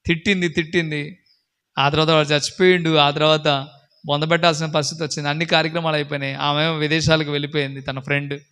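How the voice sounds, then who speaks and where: Male preacher, high bright voice, emphatic, repeats questions, sermon. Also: level tone, fast, clean tone. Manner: emphatic, repetitive questioning, rising to shouts; acts out characters in a story with changed voices.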